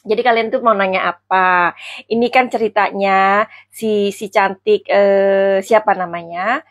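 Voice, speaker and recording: A woman's voice: mid-range voice, steady tone, a little slow, dry recording. A woman hosting a chatty celebrity gossip vlog, theatrical and teasing, calling her viewers darling.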